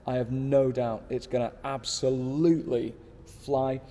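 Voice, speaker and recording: A man's voice: mid-range voice, level tone, measured pace, dark tone, in a large hall. A man in his thirties, talking casually to camera from his desk, enthusiastic and rambling with asides. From United Kingdom. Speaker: car channel host. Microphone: small pocket camera.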